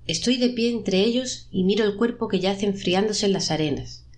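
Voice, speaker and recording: A woman narrating a dark story, voicing the trapped souls in a raised, pleading pitch. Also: moderate pace.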